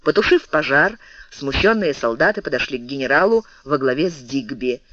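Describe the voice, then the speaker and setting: Expressive male audiobook narrator. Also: mid-range voice, normal speed, slight background noise. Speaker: audiobook reader. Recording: dull lo-fi dry audio.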